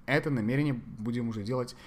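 Male podcast guest, mid-pitched, explaining self-help practice conversationally, hesitant as he hunts for Russian words. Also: a little mellow. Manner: halting, searching for Russian words.

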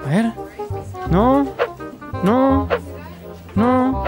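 A man's voice: extremely high pitch, very slow, music in the background, full character voice. A man playing an exasperated, foul-mouthed voter with an Argentine accent, swearing and complaining sarcastically in a radio comedy sketch. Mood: grumbling. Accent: Argentine Spanish. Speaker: comic actor.

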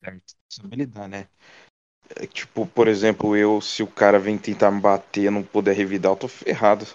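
A man's voice: fairly low pitch, level tone, fairly quick, darkish tone. A man hosting a casual interview, asking curious questions and joking along. The recording sounds dull and lo-fi. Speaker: podcast host.

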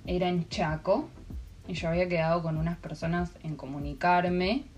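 Her voice lowish and darkish, a young woman with an Argentine Spanish accent rambles casually through stories, leaning on lots of fillers. She keeps a fairly even intonation at a moderate pace, with slight background noise in the clip.

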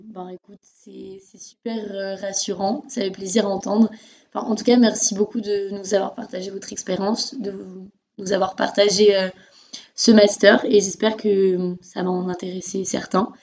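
A woman's voice: medium pitch, level tone, moderate pace, darkish tone. A young woman hosting a casual student podcast interview in an informal, encouraging way. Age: young adult.

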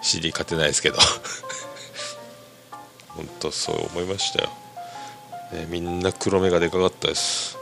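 A man hosting a podcast, rambling casually about music in a chatty, lively way. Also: sits low, fairly quick, vocal fry, long pauses. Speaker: podcast host.

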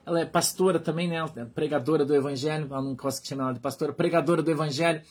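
A Brazilian pastor with a Brazilian Portuguese accent preaches a sermon in a chatty, informal way, often turning to his listeners with quick questions. His man's voice sits a little high and has a husky, grainy edge. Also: steady tone. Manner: conversational preaching, keeps asking the flock "understood?".

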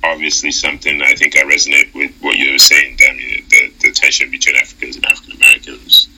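A man's voice: a bass voice, flat delivery, fast, sharp tone, slightly rough, rough recording. A young man from Nigeria with a slight Nigerian accent, a seminary student speaking thoughtfully as a podcast guest, with hesitant restarts. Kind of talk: casual conversation.

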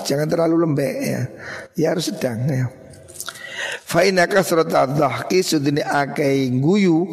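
Gravelly Javanese-accented man teaching in a hall. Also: a little high. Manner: mixes Arabic recitation with Javanese asides, jokes and mock laughter. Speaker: Islamic teacher. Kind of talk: kitab study sermon.

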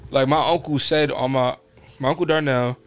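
A man's voice: mid-range voice, fairly even intonation, moderate pace, smooth. A young man from New York hosting a podcast, telling stories casually and acting out quotes in a raised voice. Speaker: podcast host. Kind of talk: casual storytelling chat.

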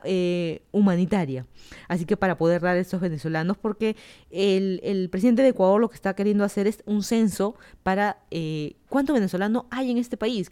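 Smooth-voiced Peruvian woman, chatty podcaster. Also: mid-range voice, darkish tone. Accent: Peruvian Spanish. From Peru. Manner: chatty, opinionated, rambling with asides. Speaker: podcast host. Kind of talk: casual solo commentary. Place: home in Miami.

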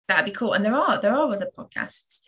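A woman's voice: medium pitch, expressive, a little fast, fairly bright tone. A woman with an English accent, co-hosting a podcast in casual chat. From England. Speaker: podcast co-host.

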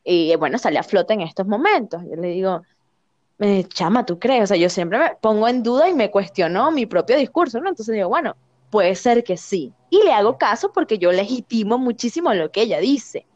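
A woman's voice: mid-range voice, moderate pace, no room sound, muffled recording. A young woman with a Venezuelan accent, telling a story in casual chat with lots of slang and laughter. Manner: animated, laughing often, slangy.

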